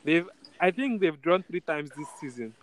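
Higher-voiced man in casual football chat. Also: expressive, normal speed, background noise. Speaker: football podcast panelist.

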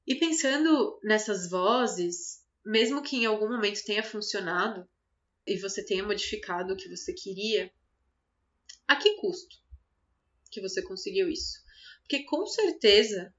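A woman with a Brazilian Portuguese accent, speaking gently and conversationally to her listener about self-compassion, laughing lightly now and then. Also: medium pitch, normal speed. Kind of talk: motivational self-talk monologue. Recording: slightly dull lo-fi sound.

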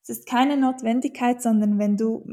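A woman's voice: a little high, steady tone, moderate pace, warm tone. A woman from German-speaking Switzerland with a Swiss accent, a dialect teacher answering interview questions thoughtfully, with many fillers and restarts.

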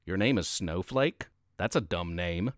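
A man's voice: deep voice, animated, unhurried, dry recording, clean studio sound, voice pushed down. A man voicing a rude young schoolboy bully with a mocking, brash way of talking.

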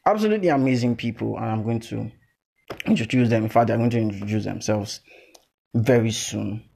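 Gravelly Nigerian man hosting a casual podcast. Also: on the low side, brisk. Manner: animated, teasing, informal. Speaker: podcast host. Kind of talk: casual playful podcast chat with Pidgin slang.

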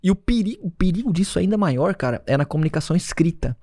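A man speaks as a podcast guest, explaining and checking in with the listener. He talks quickly in a slightly high voice. The sound is dry and close. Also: expressive, mellow, no room sound. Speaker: podcast guest, sales lead. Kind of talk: casual podcast chat.

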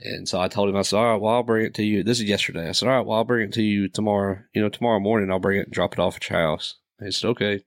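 A man's voice: fairly low pitch, steady tone, very fast, few pauses, no echo, studio quality. A man, telling a profane story casually on a podcast and laughing through it. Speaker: podcast co-host.

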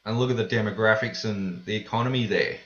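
A man's voice: lowish voice, quick pace, fairly bright tone. A man with an Australian accent chatting casually as a podcast guest, in plain, laid-back everyday phrasing. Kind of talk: casual conversation. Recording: roomy, dull lo-fi sound.

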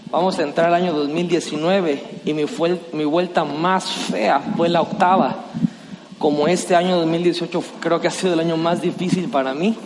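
Male pastor, high, animated storyteller, preaching in a church hall with long reverb. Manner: animated, acts out scenes with shouts and quoted voices. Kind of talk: storytelling sermon. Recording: echoey hall, slight noise.

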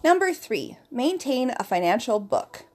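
Upbeat tidy advice vlogger lady, higher voice, kinda husky, reading out tips. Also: huge pitch swings, measured pace, darkish tone. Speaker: vlogger giving business tips. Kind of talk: scripted advice vlog.

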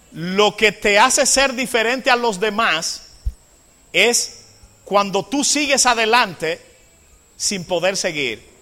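A man preaches to his congregation in a high, bright voice. He drops to hushed asides, then rises into loud, slow proclamations and puts questions to the listeners. His voice rings with the long reverb of a church hall. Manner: asks the congregation rhetorical questions. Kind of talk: sermon.

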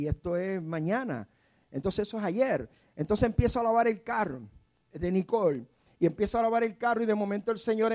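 A man in his fifties preaching a sermon as a storyteller. He often drops to a soft, hushed voice and has the congregation repeat words after him. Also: sits high. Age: 50s.

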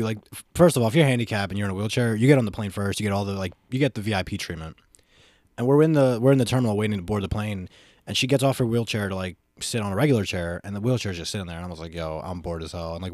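Young dude w lowish voice, frat bro banter, talks super fast, swears a lot. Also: male voice, darkish tone, no room sound, clean studio sound. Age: young adult. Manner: frat-bro talk, heavy slang and swearing. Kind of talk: casual banter between friends.

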